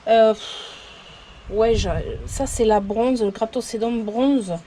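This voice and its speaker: A plant vlogger gives a casual outdoor show-and-tell of her potted succulents, rambling and often unsure what the plants are called. Her voice is a little high, mellow and steady, slow-paced, with a little hiss or hum.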